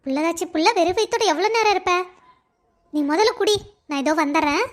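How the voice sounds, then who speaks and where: Cartoon mom, very high and fussy, doting and bossy, woman voiced. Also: fast talker. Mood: fussing. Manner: fussing, affectionate, bossy. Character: doting middle-aged village mother. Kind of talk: Tamil cartoon voice acting.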